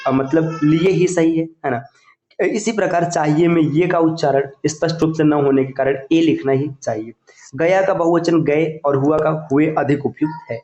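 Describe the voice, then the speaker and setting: A man's voice: fairly high pitch, a little mellow, highs cut off, slight background noise. A man teaching an exam-prep lecture, patient and careful, sounding out example words one by one and checking in with the class. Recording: echoey room.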